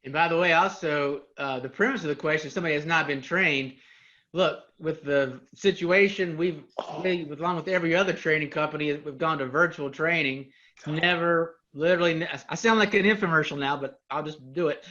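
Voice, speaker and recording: A man's voice: fairly high pitch, brisk, pushed and bright, highs cut off. A man co-presenting a live online training session, casual and self-deprecating, inviting the audience to join in.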